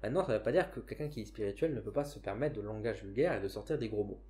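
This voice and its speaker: A man's voice: on the low side, lively intonation, racing, a little mellow. A man with a northern French accent, a spiritual vlogger, talks casually to camera in a reflective way, often hesitating and restarting his sentences. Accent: northern French (Ch'ti). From northern France.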